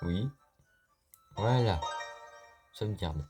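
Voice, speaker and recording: A man's voice: low voice, lively intonation, very slow. A man giving casual, joking gameplay commentary as a let's play host, talking to the game and viewers, with faint game music behind.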